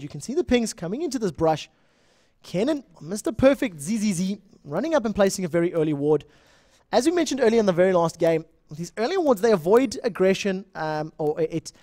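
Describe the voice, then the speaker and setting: Casting a live online match, a young South African-accented esports shoutcaster rambles chattily, corrects himself, and says hello to viewers in the chat. His voice is high-pitched with a dark tone, recorded at studio quality with no room sound.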